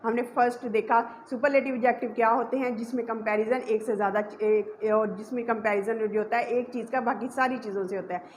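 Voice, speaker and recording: Woman teacher going over grammar rules, high voice, echoey room, bit of hiss behind her. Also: steady tone, fairly quick, hardly any pauses. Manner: repeats points and asks questions to the class. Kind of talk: explaining a grammar lesson to students. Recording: echoey room with faint background noise.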